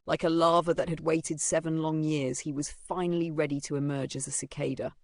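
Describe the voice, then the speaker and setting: A narrator telling a story recap with dramatic, halting phrasing, close on a dry mic. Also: mid-range voice, little pitch movement, gravelly, no room sound.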